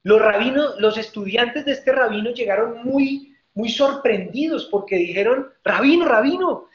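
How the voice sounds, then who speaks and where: A male preacher tells a story to his congregation in an animated way, speaking straight to them. The audio is muffled and echoes through a large hall. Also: very high-pitched, normal speed. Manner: animated storyteller, addresses audience directly. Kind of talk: storytelling sermon. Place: hall with microphones. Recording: roomy, dull hall audio.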